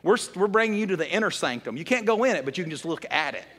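A man with a high-pitched voice preaching a sermon. He talks in a loose, conversational way as a pastor and slips into humorous storytelling. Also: animated, fast, a bit bright.

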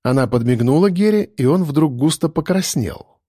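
A man's voice: lively intonation, normal speed, dark tone, slightly rough, no echo, studio quality. A man narrating a story and voicing its characters in the dialogue. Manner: voices many characters with shifting pitch. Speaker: audiobook narrator. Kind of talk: scripted narration with acted dialogue.

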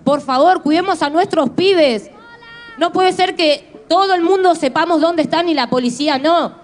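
Young Argentine woman, fervent rally speech, high register. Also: moderate pace. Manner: impassioned, building to forceful appeals. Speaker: youth speaker at a rally. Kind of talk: impassioned protest speech.

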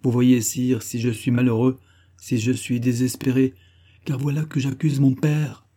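Desperate proud exiled king, read by a man; deep, mellow and earnest. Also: flat delivery, a little slow, lightly acted. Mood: pleading. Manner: solemn, earnest pleading.

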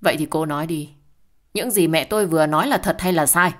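Woman narrator playing a coarse angry husband, shouting, insulting, low voice, storybook drama. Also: fast talker. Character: brutal, foul-mouthed adult husband, male.

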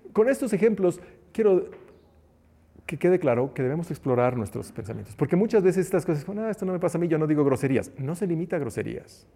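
Man, sermon, fairly high voice, mellow, conversational, acts out quotes. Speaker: preacher and teacher.

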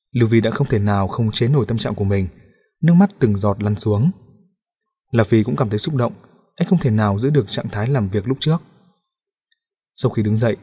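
Low, husky male audiobook narrator. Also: dark tone. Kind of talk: scripted narration of a novel.

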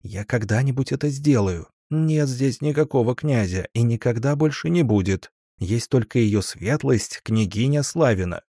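A man reading an audiobook, voicing a sharp-tongued young woman who is quick to anger and often speaks in a tense, hushed whisper. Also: mid-range voice, expressive, no room sound, clean studio sound. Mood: angry. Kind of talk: audiobook character voice.

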